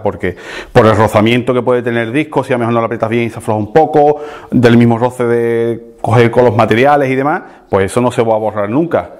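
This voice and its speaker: A chatty man hosts a tool demonstration, talking quickly and checking in with his viewers. His mid-pitched voice swings up and down with lively emphasis. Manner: animated, chatty, addresses viewers directly with frequent tag questions. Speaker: DIY tool channel host. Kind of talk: casual tool demonstration to camera.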